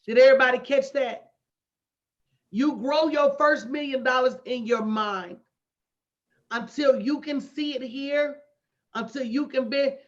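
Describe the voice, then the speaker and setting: This late-forties motivational business coach has a high voice and delivers an unhurried coaching talk to a live online audience, leaving long pauses. She's emphatic and preacher-like in her repetition, using direct address and folksy slang, and the livestream audio is dull and lo-fi.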